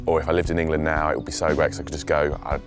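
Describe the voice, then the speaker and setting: Very deep-voiced man, relaxed and rambling. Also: racing, over music. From Switzerland. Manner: relaxed, enthusiastic, rambling with restarts. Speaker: angler. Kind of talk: casual outdoor chat and voice-over.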